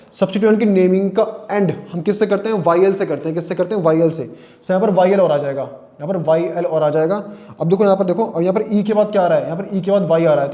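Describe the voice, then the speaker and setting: Tired, high-voiced male chemistry teacher. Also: dark tone, reverberant. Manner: repeats questions and answers them himself; speaks Hindi mixed with English terms. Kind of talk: classroom lecture.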